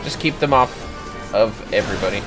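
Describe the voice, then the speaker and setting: This livestream host talks through a game in a casual way, explaining its mechanics with game music playing behind him. His voice is fairly low and fairly quick, and the audio is poor.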